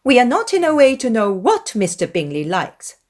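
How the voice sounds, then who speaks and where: An excitable middle-aged mother from a period novel performed by a woman reader. Her voice leaps high and swings widely as she exclaims and frets. She is dramatic and quickly vexed. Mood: resentful.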